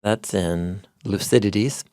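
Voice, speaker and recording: Slow-paced and warm, with a lowish voice, a Bible teacher co-hosts a podcast and enthusiastically unpacks ancient texts and word meanings, citing old sources. It's a dry, studio-quality recording.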